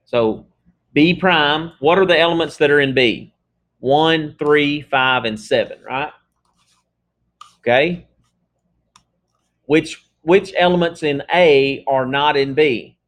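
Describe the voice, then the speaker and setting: A man's voice: a little high, slow, pauses often, fairly bright tone. A man teaching a math class in a casual, conversational lecture, checking in often with his students. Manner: casual, talks through examples with frequent "okay?" checks.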